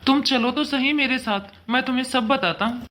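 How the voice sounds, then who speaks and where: A woman voicing a weak-willed adult son and father in a cartoon, who talks softly and gives in easily. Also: high voice, moderate pace. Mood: stern. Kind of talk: cartoon voice acting.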